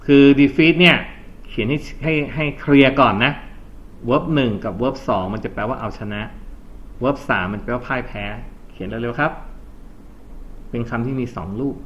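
A man teaching an English lesson in a classroom, loudly drilling words and having students repeat after him. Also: mid-range voice, normal speed. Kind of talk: classroom vocabulary and grammar lesson. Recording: dull lo-fi classroom recording with faint noise.

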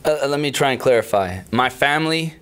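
A man's voice: medium pitch, lively intonation, quick pace, a bit bright, clean tone. A young man co-hosting a casual podcast chat, joking and teasing. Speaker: co-host.

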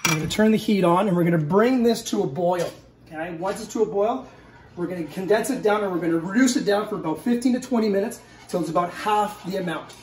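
In this casual cooking demonstration, a middle-aged host talks fast in a high voice, going through a recipe step by step and checking in with "okay?" as he works. A camera mic sits far away, so his voice comes off-mic and echoes around the kitchen.

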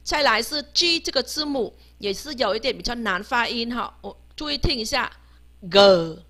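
A woman teaching a beginner language lesson, patiently sounding out each letter slowly, three times over, and ending her phrases with a soft "ha". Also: on the high side, expressive. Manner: ends phrases with a soft "ha" tag.

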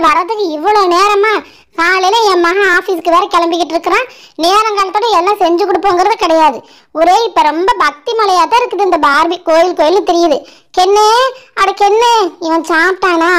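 A woman doing a shrill grumbling grandmother. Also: fairly bright tone. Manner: scolding, complaining village Tamil. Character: bossy grumbling village grandmother. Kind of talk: doll-show voice acting.

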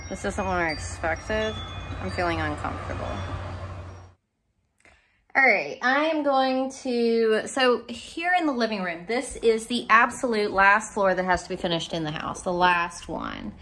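Narrating her renovation vlog, this woman voices her worries and second-guesses herself out loud. Her medium-pitched voice is animated and a bit bright, moving at a measured pace over slight background noise.

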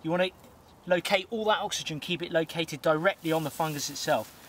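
A young man gives relaxed, practical bushcraft instructions while he works. His voice sits slightly high, and he often pauses mid-sentence. Faint outdoor ambience surrounds him at a woodland camp. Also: slight background noise. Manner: explains steps calmly while working with his hands, pauses to blow on embers. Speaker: bushcraft host.

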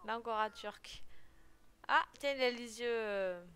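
A let's play gamer giggles and chats casually as she comments on her game, exclaiming often and now and then letting out cute, playful meows. Her voice is on the high side, slow, a bit bright and smooth.

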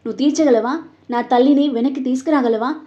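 A cold, forceful young man, played by a woman storyteller gives orders in short, clipped lines. The voice stays high and mellow. The recording sounds muffled and lo-fi. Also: fairly even intonation, normal speed, close to an everyday voice. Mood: bitter. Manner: curt, commanding. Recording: dull lo-fi recording.

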